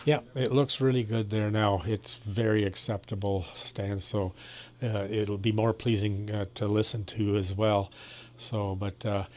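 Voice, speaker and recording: An amateur radio operator talks plainly and without a script during a ham radio contact, explaining things and offering technical advice. His voice is fairly low, flat, a little slow and a little mellow, over clear background noise and electrical hum.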